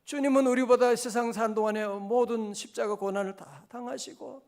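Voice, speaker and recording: A man's voice: extremely high pitch, steady tone, normal speed, a little mellow. A male pastor preaching a dawn prayer sermon in a church, fervent and rising to emphatic exhortations. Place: church sanctuary.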